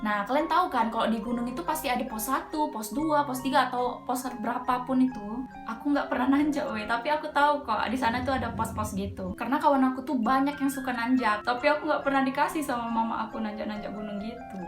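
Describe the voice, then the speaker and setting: With a slightly high voice and quick delivery, a young Medan woman hosts a relaxed horror storytelling bit about a ghost on a mountain. Her speech is slangy and conversational, full of filler interjections and marked by a Medan Indonesian accent. The recording has room echo and music behind her.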